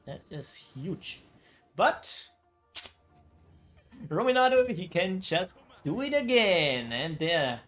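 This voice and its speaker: A man casting a card game match as esports commentary, casual and exclaiming, often thinking out loud. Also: high voice, sing-song, slow, pauses often, faint music behind. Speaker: esports caster.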